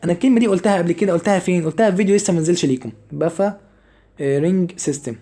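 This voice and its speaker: A man's voice: sits high, rapid-fire, mellow. A young Egyptian man teaching a lesson, chatty, asking and answering his own questions and running short of breath. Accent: Egyptian Arabic. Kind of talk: lecture to students.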